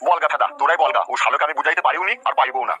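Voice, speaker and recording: Man voicing a middle-aged cartoon father-in-law, rapid-fire cursing, sharp bright tone, slightly high. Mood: ranting. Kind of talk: comic cartoon dubbing.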